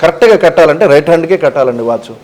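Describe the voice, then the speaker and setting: A man, a shop owner explaining things slowly and emphatically as an interview guest. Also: on the high side, animated, darkish tone, rough recording. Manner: slow, emphatic, explains step by step.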